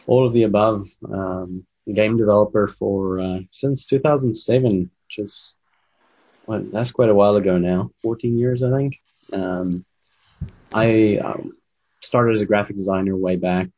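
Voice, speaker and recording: A game development manager and coach, a native Afrikaans speaker, tells his career story as a guest in a casual interview, rambling with many fillers. His voice is fairly low, a little slow, and darkish in tone, captured in dull lo-fi sound.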